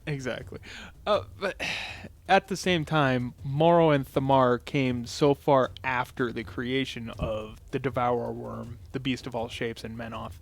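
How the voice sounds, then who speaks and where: A man co-hosts a loose chat about tabletop game lore, breaking in with quick jokes and short replies. His voice sits at an ordinary middle pitch. He sounds relaxed and playful with his friend. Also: creaky. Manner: joking, quick interjections and laughter. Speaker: co-host. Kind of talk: casual gaming lore chat.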